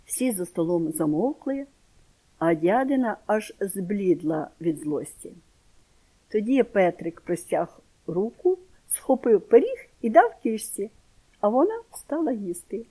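Expressive woman reading a children's story. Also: medium pitch, a little slow, rough recording. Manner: expressive, voices the characters.

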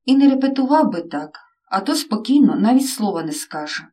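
A woman narrating a story aloud with a lively, expressive reading. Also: on the high side, brisk, recorded from a distance.

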